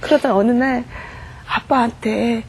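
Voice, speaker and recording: A woman's voice: a little high, steady tone, a little slow, a little mellow, a little hiss or hum. Earnest woman telling her testimony. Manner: earnest storytelling, acts out quoted prayers and dialogue. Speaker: guest giving testimony.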